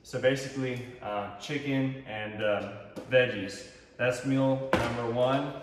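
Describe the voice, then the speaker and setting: Taking it slowly in a mid-range voice, a young Texan-accented man gives a casual, upbeat walkthrough of his fitness gear, full of fillers, in a big home kitchen. Filmed from a distant camera, the audio is echoey and far away, with a little hiss or hum.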